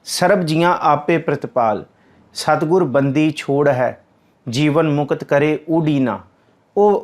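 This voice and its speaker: A man giving a religious discourse on scripture, explaining patiently and repeating key words, reciting verses slowly in a sing-song way. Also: fairly high pitch. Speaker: Sikh scripture teacher.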